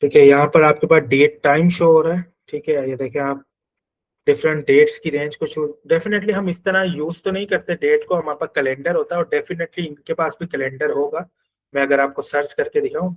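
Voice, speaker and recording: A male programming teacher with a Pakistani Urdu accent talks through a coding lesson on screen. He thinks aloud and walks through each step, in a voice that sits a little higher than most men's. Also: steady tone, a little fast, low-quality recording. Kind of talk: screen-share coding class.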